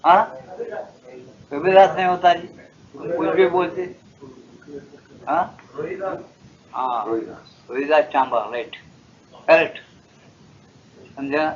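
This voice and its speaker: An Indian spiritual teacher in his seventies tells devotional tales in a folksy way, checking in with rhetorical questions, his voice sitting fairly high for a man. The recording is dull and lo-fi, with a faint hiss underneath. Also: fairly even intonation, takes it slowly, pauses often. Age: 70s. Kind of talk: devotional discourse. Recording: dull lo-fi old tape.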